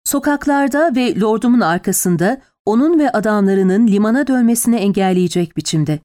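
Female audiobook narrator, mid-pitched voice, measured storytelling delivery. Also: animated, dark tone. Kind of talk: scripted narration.

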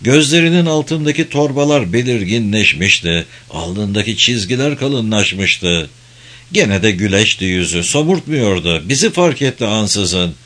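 A man's voice: on the low side, expressive, unhurried, fairly bright tone. Man narrating a story measuredly.

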